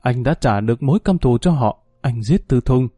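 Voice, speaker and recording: A man voicing a condemned prisoner in a spoken story, speaking quietly and steadily in farewell. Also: mid-range voice, animated, moderate pace, breathy edge, dry recording, clean studio sound. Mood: resigned. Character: condemned man, calm and resigned.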